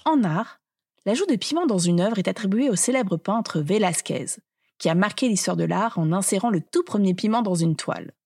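A woman reading scripted documentary narration in a measured, explanatory way. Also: medium pitch, a little mellow, breathy edge.

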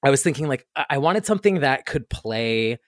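A man's voice: medium pitch, lively intonation, fairly quick, dry recording, clean studio sound. A man who produced a remix, eagerly telling how he made it and acting out his own past thoughts. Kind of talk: casual interview chat.

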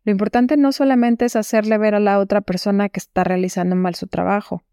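A woman hosts a solo advice podcast, talking calmly and straight to the listener. Her voice is mellow and warm. The recording is dry and close, with no room sound. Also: mid-range voice, brisk, clear, resonant tone, no echo. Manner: calm, explanatory, speaks directly to the listener. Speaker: podcast host.

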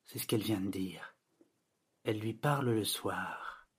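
A man narrating a novel aloud with steady, measured storytelling. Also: on the low side, husky. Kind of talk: audiobook narration.

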